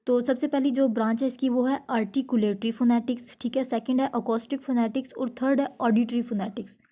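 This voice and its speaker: A woman teacher giving a lecture. She explains in Hindi, slowly reads out English definitions and often checks in with her listeners. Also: on the high side, fairly even intonation, dark tone. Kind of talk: classroom lecture.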